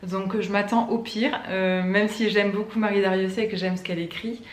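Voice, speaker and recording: A woman's voice: mid-range voice, fairly even intonation, brisk. Chatty woman book vlogger, echoey room. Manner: chatty, many fillers and restarts. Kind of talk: casual chat to camera. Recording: echoey room with faint ambient noise.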